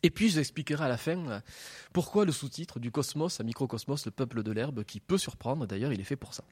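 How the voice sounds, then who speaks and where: A man's voice: medium pitch, animated, fast, a little mellow, breathy edge. A man with a southern French accent from Toulouse, a laser researcher giving a public science lecture to an audience into a wired microphone, joking and explaining with everyday images.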